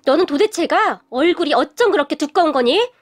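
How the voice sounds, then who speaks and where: A woman's voice: sits high, animated, brisk. A woman voicing a haughty, wealthy middle-aged mother who sneers and scolds. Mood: scornful.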